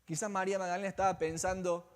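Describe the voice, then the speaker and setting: A man pastor delivering an Easter sermon as dramatic storytelling, swinging between loud passages and hushed ones. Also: high voice, little pitch movement, fast, clean tone. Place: church sanctuary. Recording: long church-hall reverb.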